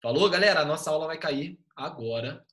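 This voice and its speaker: A man's voice: fairly high pitch, lively intonation, brisk, a bit bright. A young male teacher giving an online class over a computer mic, explaining step by step in a patient, casual way with easygoing slang.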